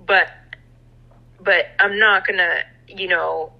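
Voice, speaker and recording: A woman's voice: lowish voice, steady tone, slow pace, creaky, dull audio. A young woman co-hosting a podcast, chatting casually and swearing freely. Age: young adult. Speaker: podcast co-host. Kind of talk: casual chat.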